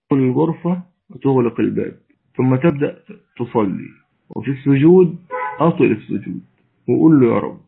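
Egyptian male preacher, earnest exhorting delivery, husky and strained, lo-fi phone-line quality. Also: mid-range voice. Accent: Egyptian Arabic. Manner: mixes formal Arabic with colloquial, earnest and exhorting. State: straining to raise a weak voice. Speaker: preacher answering questions. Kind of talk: religious lesson with Q&A. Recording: tinny phone-like audio.

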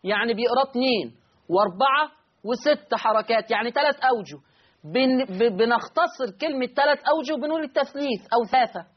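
A man with an Egyptian accent teaching Quran recitation on a call-in lesson, repeating each point slowly so listeners can write it down. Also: extremely high pitch, lively intonation, dull audio. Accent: Egyptian Arabic.

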